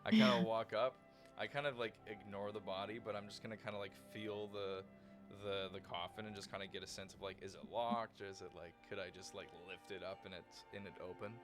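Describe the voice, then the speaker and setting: A man's voice: fairly low pitch, fairly quick, over music. A man playing a tabletop game, talking casually and hesitantly with lots of restarts and "like"s. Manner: hesitant, rambling with many "like"s. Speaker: player.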